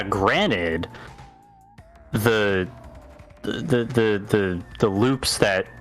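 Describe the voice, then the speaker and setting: A man co-hosting a podcast late at night, sleepy and halting, with many restarts and fillers as he talks. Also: on the low side, a bit bright. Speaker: podcast co-host. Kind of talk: casual chat.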